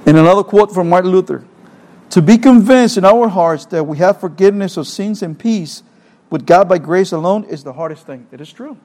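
With a high, slightly mellow voice and a brisk delivery, a middle-aged Salvadoran man preaches earnestly in a Salvadoran Spanish accent. He leans on rhetorical questions and repeated phrases.

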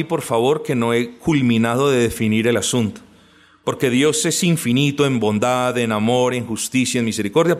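A man preaching a doctrinal sermon, asking and answering his own questions and drawing out key words slowly for emphasis. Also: fairly high pitch. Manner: addresses listeners as brothers, asks and answers own questions. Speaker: pastor teaching doctrine. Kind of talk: sermon teaching.

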